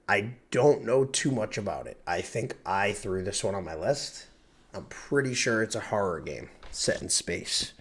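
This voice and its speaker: A man with a hoarse, cracking voice from the flu, chatting casually and joking on a game stream. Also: on the low side. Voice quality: voice cracks and breaks. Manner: joking, swears freely. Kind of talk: casual live-stream chat.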